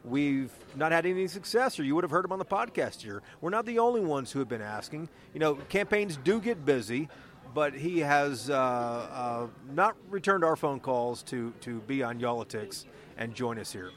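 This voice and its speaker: A man's voice: fairly high pitch, animated, normal speed. A man with an American accent, a podcast host and political reporter who speaks conversationally as he narrates and interviews.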